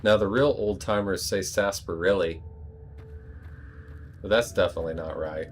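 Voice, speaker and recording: A man's voice: lowish voice, fast, a little hiss or hum. An American man giving casual, rambling gameplay commentary with joking asides. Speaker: let's play host.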